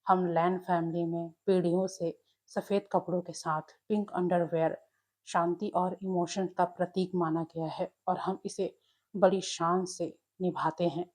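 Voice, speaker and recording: A woman voicing a stern older uncle, speaking gravely in a lower voice. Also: flat delivery, a little slow, darkish tone. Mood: solemn. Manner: grave, solemn.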